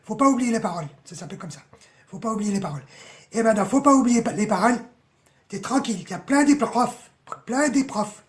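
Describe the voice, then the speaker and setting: Hoarse woman streaming, kinda high voice, chatty and mocking, swears a lot. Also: lively intonation, fairly quick. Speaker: live streamer analysing song lyrics. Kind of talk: casual live-stream commentary.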